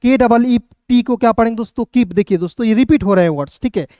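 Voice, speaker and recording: Guy teaching english sounds online, spells each word out then says it slow, smooth clear voice, dry close mic. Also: very high-pitched, mellow, dry recording. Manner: spells words letter by letter, then says them slowly; keeps addressing viewers as friends and checking with "okay". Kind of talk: online phonics lesson.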